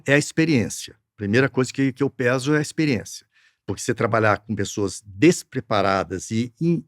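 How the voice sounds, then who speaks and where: A film producer with a Brazilian Portuguese accent answers interview questions earnestly but hesitantly, frequently restarting and using fillers. His voice is mid-range, and the recording is dry with clean studio sound.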